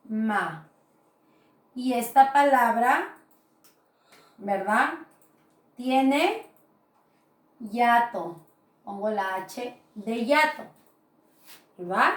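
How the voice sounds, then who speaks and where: A woman teacher talks slowly and patiently, with a somewhat high voice. She checks in with her listeners often as she explains. She sounds set back from the mic in an echoey room. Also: recorded from a distance. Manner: slow, patient explaining with frequent "¿verdad?" tags. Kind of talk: recorded grammar lesson.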